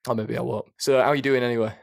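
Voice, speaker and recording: A man in his late twenties hosts a casual podcast, his voice mid-pitched and close to a dry mic. He rambles, laughs at himself and restarts his sentences. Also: fairly even intonation, racing, vocal fry, no room sound. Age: late 20s. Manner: self-deprecating, laughs often, trails off in restarts. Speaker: podcast host.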